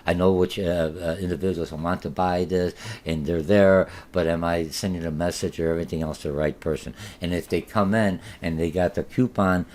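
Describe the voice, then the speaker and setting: This recorded college marketing lecture comes from a man whose first language is Polish, and his accent shows it. His voice is low and darkish with fairly even intonation and a fairly quick pace, and he rambles with lots of fillers and restarts.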